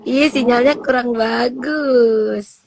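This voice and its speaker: A woman of about twenty hosting a casual phone live stream, friendly and quick to agree. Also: on the high side, vocal fry, darkish tone. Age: 20s. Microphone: phone on a live video stream.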